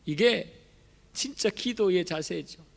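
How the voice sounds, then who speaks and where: A man preaching a passionate sermon in a church sanctuary, swinging between hushed and loud. His voice is very high with a gravelly fry. The church hall gives it a long reverb. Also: lively intonation, takes it slowly. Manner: impassioned, emphatic, swinging between soft and loud. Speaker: pastor.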